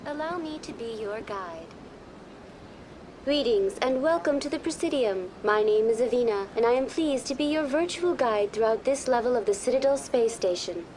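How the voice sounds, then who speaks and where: Avina, high-voiced virtual tour guide played by a woman. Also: lively intonation, a little mellow, a little hiss or hum, lightly acted. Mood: polite, composed. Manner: formal, polite, measured, impersonal. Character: courteous female virtual intelligence tour guide on a space station. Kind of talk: scripted informational game dialogue.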